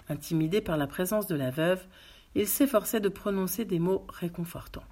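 Husky low-voiced woman calmly reading a story out loud. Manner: calm, steady reading. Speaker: reader. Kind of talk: audiobook narration.

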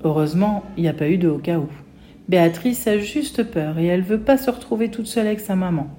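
A woman's voice: mid-range voice, fast, warm tone, slight background noise. Woman reading a children's story. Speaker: audiobook reader. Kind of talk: audiobook narration in a child's voice.

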